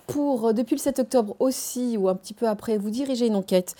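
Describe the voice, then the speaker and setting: A woman's voice: a little high, brisk, warm tone. A woman interviewing a guest in a TV studio, with an English accent, hesitating often with fillers and restarts.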